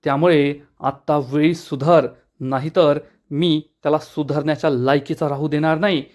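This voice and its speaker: A man's voice: a little high, steady tone, normal speed, darkish tone, lightly acted. A man voicing a fierce, protective father who is a powerful lawyer, speaking in a stern, threatening manner.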